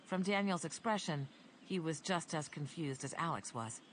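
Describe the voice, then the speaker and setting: A woman narrating an audiobook in an even, measured reading. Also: deep voice, a little hiss or hum.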